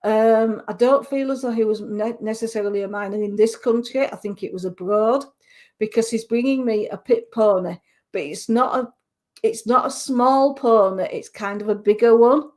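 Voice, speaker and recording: On live radio, a woman with a Yorkshire accent gives a psychic reading in a gentle, reassuring manner, frequently restarting her sentences. Her pitch is fairly high and her pace normal.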